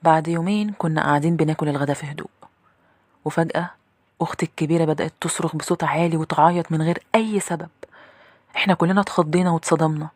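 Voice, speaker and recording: A woman with an Egyptian accent narrating a horror story in the first person, brisk and hushed at tense moments. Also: deep voice, no room sound.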